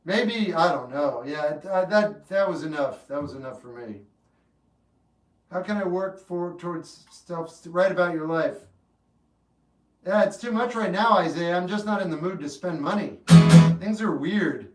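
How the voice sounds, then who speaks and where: A man in his fifties hosting a livestream, chatting casually with viewers in a relaxed, rambling way that turns earnest when he gives advice. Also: sits high, measured pace. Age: 50s. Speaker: livestream host. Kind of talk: casual chat answering live chat. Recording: roomy echo, mic at a distance, faint guitar music.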